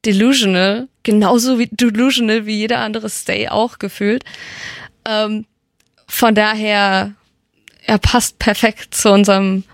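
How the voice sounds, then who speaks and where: Slow-talking gravelly woman radio host. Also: medium pitch, dry recording, studio quality. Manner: chatty, enthusiastic fan talk with many fillers. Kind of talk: casual radio chat about K-pop.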